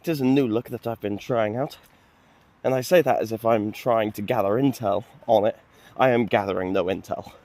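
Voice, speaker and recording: A man's voice: fairly low pitch, moderate pace. Rambling, self-mocking vlogger man. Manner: joking, self-mocking, lively asides. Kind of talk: rambling casual vlog. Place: outdoors on a walk. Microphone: phone at arm's length.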